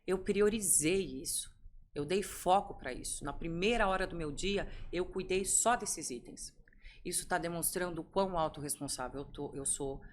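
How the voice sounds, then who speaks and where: A middle-aged woman on a podcast, her voice on the low side, telling stories and asking herself rhetorical questions. A faint noise sits behind her. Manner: animated storytelling, rhetorical questions. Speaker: podcast guest. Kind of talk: conversational interview.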